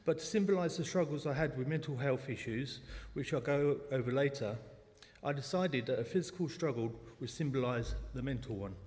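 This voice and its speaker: A man in his forties with a South London accent gives a personal testimony from a church front, chatty and quick to joke at his own expense. His voice sits at an ordinary pitch for a man and carries a long reverb from the church hall. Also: darkish tone. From South London, England. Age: 40s. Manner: chatty, self-deprecating jokes. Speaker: lay speaker at a church service.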